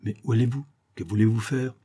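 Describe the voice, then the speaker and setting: A man's voice: fairly low pitch, steady tone, fairly quick, warm tone, breathy edge. A man reading an eager police prefect. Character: curious, impatient male police prefect.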